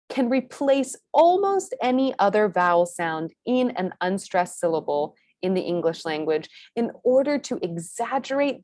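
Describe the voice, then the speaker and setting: Slow, careful American woman accent coach. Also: on the low side, no echo, studio quality. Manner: slow, careful teacher modeling sounds. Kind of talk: pronunciation lesson.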